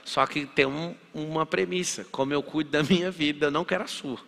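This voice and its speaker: A motivational speaker with a Brazilian Portuguese accent gives a punchy lecture, acting out dialogues and firing rhetorical questions. His fairly high, gravelly, fairly bright voice is fairly even in intonation and a little fast, echoing in a hall with long reverb.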